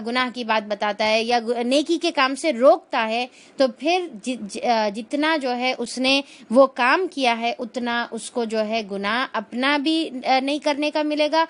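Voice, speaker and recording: A woman giving a religious lesson, explaining verses with everyday examples and frequent filler phrases. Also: a little high. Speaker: Quran teacher.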